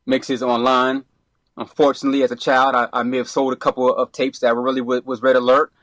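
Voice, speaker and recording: A middle-aged man from Brooklyn, a podcast guest who talks in a relaxed, rambling way, full of restarts and you-knows. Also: mid-range voice, fast, no echo. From Brooklyn, New York. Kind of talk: casual interview.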